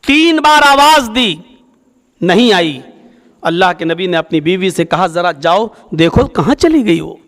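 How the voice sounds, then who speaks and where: A male Islamic preacher giving a sermon, telling a story and acting out its dialogue with swings in pitch. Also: a bit bright, big-room sound. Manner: storytelling, acts out dialogue with rising and falling pitch.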